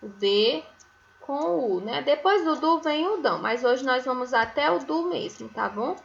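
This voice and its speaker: A woman's voice: high-pitched, lively intonation, vocal fry, lo-fi sound, slight background noise. A Brazilian woman teaching a phonics lesson to young children, stretching out syllables and checking in often with little tag questions. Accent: Brazilian Portuguese. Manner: drawn-out syllables, frequent "né?" and "certo?" checks.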